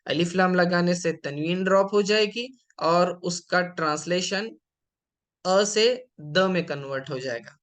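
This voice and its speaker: A man's voice: sits high, a bit bright. A man with a Hyderabadi Urdu accent teaching Arabic grammar, patiently explaining slides, repeating terms and checking that students follow.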